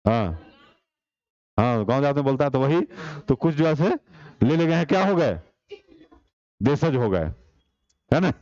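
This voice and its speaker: A man's voice: medium pitch, animated, unhurried, long pauses, a little mellow, no echo, muffled recording. A man teaching an online exam-prep class, explaining step by step and putting rhetorical questions to the class.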